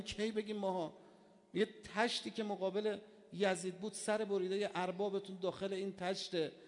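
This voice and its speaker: A man preaching with fervour in a raised, high voice, sinking to near murmurs and then surging back up. His words carry a long reverb from a large prayer hall. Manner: impassioned, swings between hushed and loud. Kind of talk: sermon.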